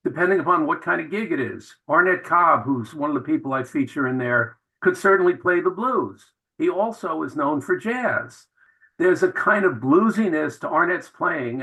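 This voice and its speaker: A man's voice: fairly high pitch, sharp tone, low-quality recording. A man, a film director, answering radio interview questions with enthusiastic, anecdotal storytelling.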